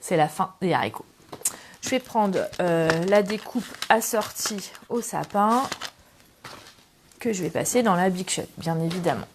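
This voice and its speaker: Relaxed woman walking thru a craft project, thinks out loud, bit of noise behind. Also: lowish voice, a little slow. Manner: chatty, relaxed, thinks aloud with fillers. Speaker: crafting tutorial host. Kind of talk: casual step-by-step craft demonstration. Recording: faint background noise and clicks.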